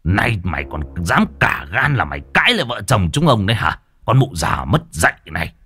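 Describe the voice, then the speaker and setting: A man's voice: fairly low pitch, very animated, a little fast, bright, forceful tone, dry recording, heavily acted. A man voicing a brutal, hot-tempered village official who curses and barks orders. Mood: furious. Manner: gruff, cursing, commanding.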